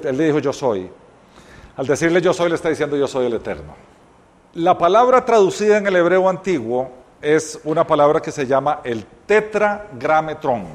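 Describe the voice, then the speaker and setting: A man teaching a Bible study, explaining scripture step by step and sometimes correcting himself mid-sentence. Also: on the high side. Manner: explanatory, retells scripture scenes with voiced dialogue; occasional self-corrections.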